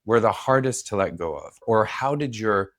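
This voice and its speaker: A man's voice: fairly low pitch, lively intonation, moderate pace, a bit bright, no echo, studio quality. A man interviewing his guest, asking earnest and curious questions.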